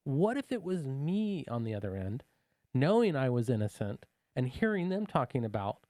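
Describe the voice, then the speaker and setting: A man's voice: medium pitch, very animated, moderate pace, mellow, dry recording. A man co-hosting a casual reaction podcast, arguing earnestly and often restarting his sentences. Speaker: podcast co-host.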